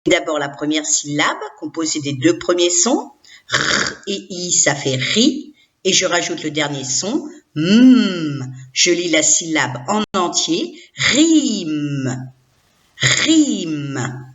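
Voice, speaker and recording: A woman's voice: low-pitched, expressive, unhurried, a bit bright, muffled recording. A woman teacher giving a recorded reading lesson to young children, sounding out syllables one by one and having the listener repeat them.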